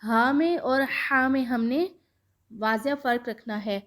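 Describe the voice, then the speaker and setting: A woman with a Pakistani Urdu accent giving an online Quran reading lesson, patiently drilling each syllable slowly and repeating it. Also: a little high, fairly bright tone. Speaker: Quran recitation teacher.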